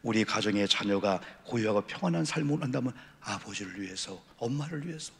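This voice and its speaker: A man's voice: fairly low pitch, lively intonation, brisk, creaky, a bit bright. A middle-aged man preaching an evening sermon as a senior pastor in a church sanctuary, with emphatic repeated refrains and rhetorical questions. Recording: echoey church hall reverb.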